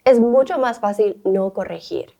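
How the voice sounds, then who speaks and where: Mellow-voiced woman co-hosting a faith chat. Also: mid-range voice, vocal fry. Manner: warm-hearted, candid, quick to laugh. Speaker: co-host.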